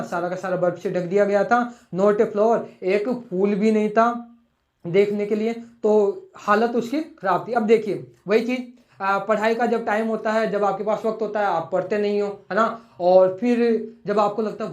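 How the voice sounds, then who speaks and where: A man's voice: high voice, a little mellow, roomy sound. A man teaching a poem line by line, repeating each phrase and spelling out words as he explains. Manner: repeats and spells out words, slow for English lines.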